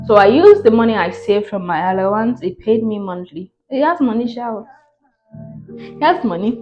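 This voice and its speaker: Nigerian lady reading a fan's story and clapping back at it, mid pitch, bit muffled, soft music behind. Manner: sassy, outspoken, quick to laugh. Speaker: relationship advice vlogger. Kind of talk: reading a viewer's story aloud and reacting.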